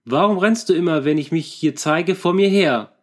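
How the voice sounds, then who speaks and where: A man reading a storybook, voicing a bold young man who speaks up loudly. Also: medium pitch, expressive, normal speed, lightly acted. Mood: angry. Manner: raised, blustering when annoyed.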